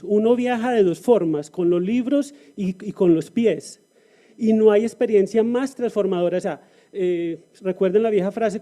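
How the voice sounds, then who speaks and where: A man with a high-pitched yet very dark, mellow voice speaks as a panelist. He talks in a reflective way, often restarting phrases and pausing on fillers. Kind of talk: panel discussion talk.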